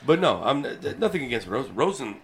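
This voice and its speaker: A man's voice: mid-range voice, very animated, fairly quick, slight background noise. A man co-hosting a casual podcast chat, talking bluntly with crude jokes. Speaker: podcast co-host.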